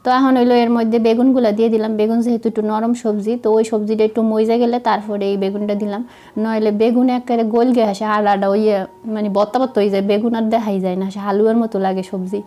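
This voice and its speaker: Fast-talking Madaripur-dialect woman, a bit hoarse. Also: fairly high pitch, little pitch movement, warm tone, soft background music. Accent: Madaripur Bengali dialect. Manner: chatty, self-mocking, talks to viewers while cooking. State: slightly hoarse from a cold. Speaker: vlogger. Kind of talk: casual cooking vlog narration.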